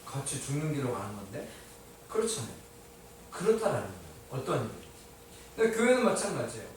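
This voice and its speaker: A man's voice: medium pitch, wildly swooping pitch, fast talker, slight background noise. A male pastor preaching a sermon. He keeps asking his congregation questions and answers them himself, with a touch of light humor. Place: church sanctuary. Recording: echoey hall, mic at a distance.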